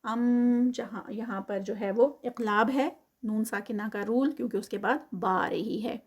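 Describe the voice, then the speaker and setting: Female recitation teacher, slightly high voice, patient and methodical in a tajweed lesson. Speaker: Quran teacher.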